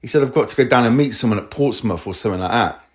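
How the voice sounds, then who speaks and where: A man's voice: medium pitch, racing. A man with an Essex accent giving a long rambling account in a police interview, swearing often and acting out what others said. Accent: Essex English.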